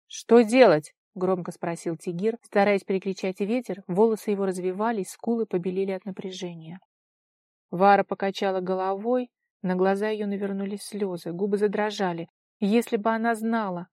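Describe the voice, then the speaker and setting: A woman narrating a storybook in an even, steady read. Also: mid-range voice, brisk, no echo, studio quality. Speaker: audiobook narrator. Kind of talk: scripted narration.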